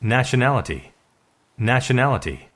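A man reads out each vocabulary word twice, drawing it out very slowly. His voice is husky, and his pitch moves a lot even on a single word. It sounds like a deliberate pronunciation model. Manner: says each headword twice, slow and deliberate. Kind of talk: slow repeated word pronunciation.

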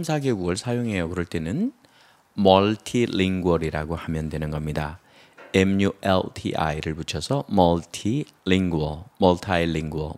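A man's voice: low-pitched, a little mellow. A man teaching English vocabulary, explaining word roots and acting out example sentences with playful memory tricks. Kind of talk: lively vocabulary lecture.

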